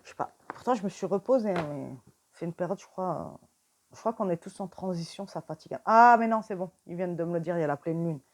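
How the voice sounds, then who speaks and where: A woman's voice: lowish voice, expressive, fast talker, slight background noise. A tired young woman giving a casual card reading, chatting straight to the viewer with many fillers. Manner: whispers questions to the cards. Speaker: tarot reader.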